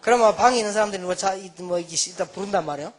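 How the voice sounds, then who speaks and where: A man in his fifties, his voice sitting high and racing, preaches a storytelling sermon full of folksy childhood stories and self-mocking humor.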